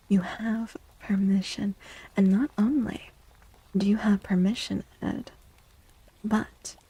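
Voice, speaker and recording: A soft-spoken woman livestreams an ASMR tarot reading, her medium-pitched, breathy voice often slipping into a whisper. She offers gentle, soothing, unhurried reassurance. The recording is rough.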